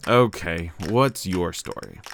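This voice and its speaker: A man playing a patient, baffled investigator, questioning in a deadpan way in comic dialogue. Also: deep voice, takes it slowly, creaky, a little hiss or hum, heavily acted. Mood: baffled, dry. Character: deadpan male investigator taking statements, baffled but patient.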